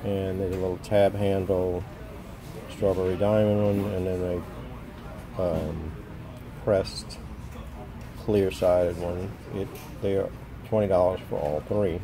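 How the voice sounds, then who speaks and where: Crowd noise from the busy show floor fills the background as an American dealer, filming on his phone, tours his antiques booth. In a low-pitched voice, he calmly and slowly lays out each item and its price in a matter-of-fact way, frequently pausing and saying um.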